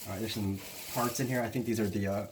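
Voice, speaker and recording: A man's voice: lowish voice, steady tone, quick pace, heavy background noise. A man hosting a casual unboxing vlog, chatty and loose, with lots of fillers, moving around the camera mic as he works. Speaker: vlogger.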